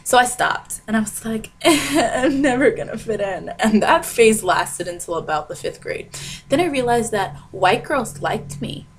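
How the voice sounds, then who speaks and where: A young adult vlogger from Maryland, USA, sits at her desk in a small bedroom and delivers a dramatic, self-mocking comic rant into her webcam. Her voice is a little high and animated, her pace measured, and the recording carries a slight hiss or hum.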